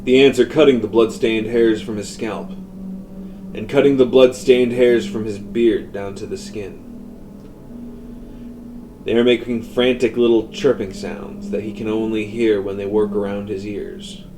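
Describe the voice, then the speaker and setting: A man narrating a scripted horror story in a measured way, often dropping to a hushed tone. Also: fairly low pitch, fairly even intonation, music in the background, low-quality recording.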